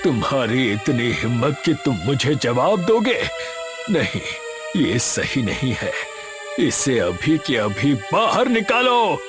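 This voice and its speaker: An actor playing a stern, angry village headman in an animated story, accusing and domineering, over background music. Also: mid-range voice, takes it slowly.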